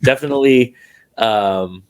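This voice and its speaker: Speaking at normal speed in a mid-range voice, this guest drummer, a young man from New Hampshire, USA, chats casually on a video call interview. He's laid-back but hesitant, with frequent fillers and restarts.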